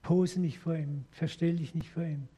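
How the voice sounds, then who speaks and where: Older guy preaching a sermon, husky warm voice, earnest and emotional. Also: fairly high pitch, fairly even intonation, normal speed. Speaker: pastor.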